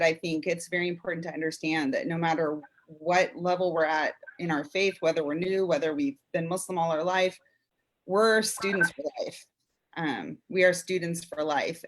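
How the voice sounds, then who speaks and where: Woman co-host, fairly low voice, earnest and reflective, casual talk. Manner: earnest, reflective, some fillers. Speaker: podcast co-host. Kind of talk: casual chat.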